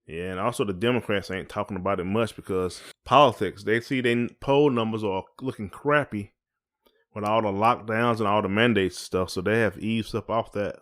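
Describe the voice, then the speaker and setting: Lowish yet a bit bright, this man's voice moves at a normal speed. He co-hosts a casual podcast, rambling in a homespun style and repeating himself.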